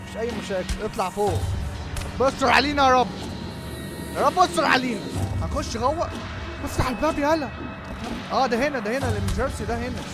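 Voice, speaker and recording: Excitable Egyptian man gaming, high voice. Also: fast talker, pauses often. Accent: Egyptian Arabic. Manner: excitable, jokey, yelps when startled. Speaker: gaming YouTuber. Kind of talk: horror game commentary. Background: game music.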